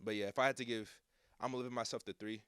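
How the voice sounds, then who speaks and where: A man's voice: medium pitch, fairly even intonation, racing, a bit bright, clear, resonant tone, no room sound. A young man, a guest rapper, giving earnest advice on a casual podcast, emphatic and full of "like" and repeated words.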